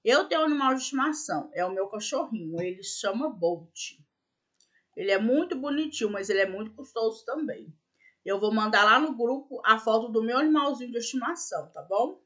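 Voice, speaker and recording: Bright-voiced teacher spelling words slowly. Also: female voice, fairly high pitch, lively intonation. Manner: patient, spells words out letter by letter; checks in with "né?" and "tá bom?". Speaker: primary school teacher. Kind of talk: recorded remote class explanation.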